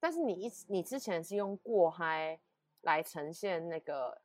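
A woman co-hosting a casual podcast chat, telling stories with animated, emphatic repetition. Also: on the low side, a little slow, no echo. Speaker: podcast co-host.

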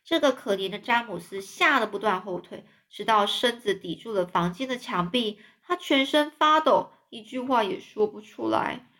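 A woman with a Taiwanese Mandarin accent reading a children's book aloud. She is chatty and stops to explain words for young listeners, in a somewhat high voice. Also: expressive, normal speed, hardly any pauses, a bit bright. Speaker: storyteller for children.

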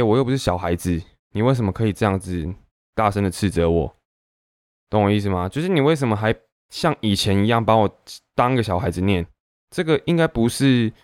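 A young man with a Taiwanese Mandarin accent, venting casually to camera in an animated way with many fillers. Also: fairly low pitch, no room sound, clean studio sound. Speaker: vlogger.

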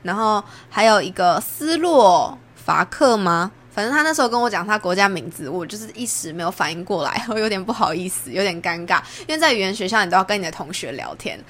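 A woman's voice: animated, a little fast, few pauses, a bit bright, slight background noise. Chatty young Taiwanese woman telling stories. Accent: Taiwanese Mandarin. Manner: chatty, acts out quoted lines with big pitch jumps. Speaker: podcast host. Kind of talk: casual storytelling monologue.

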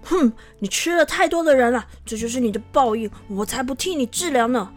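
A woman's voice: fairly high pitch, normal speed, a little mellow, faint music behind, close to an everyday voice. A woman voicing a male healer of legend, speaking in a firm, earnest way. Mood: stern.

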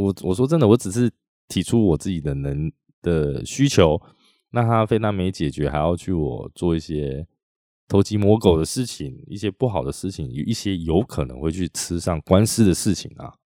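A man from Taiwan with a Taiwanese Mandarin accent, hosting a podcast and telling a story in a chatty way with many drawn-out tag particles. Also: low voice, warm tone, no echo, studio quality. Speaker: podcast host. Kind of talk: casual storytelling monologue.

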